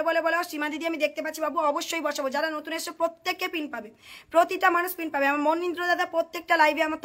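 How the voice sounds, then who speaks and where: A woman hosts a casual live stream. She reads out comments and keeps urging viewers, over and over, to tap, share and mention friends. Her voice is high and she talks fast. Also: fairly bright tone.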